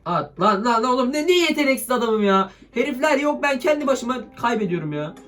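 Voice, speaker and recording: A man's voice: extremely high pitch, expressive, brisk, a bit bright. A young man with a sick, strained voice, giving casual commentary over a mobile game and swearing playfully at it.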